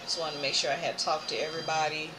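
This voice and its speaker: Talking fast at a medium pitch with little rise or fall, an American streamer gives casual, playful commentary as he plays, thinking out loud over noisy video game music. He hums filler tunes and reads the game's text aloud.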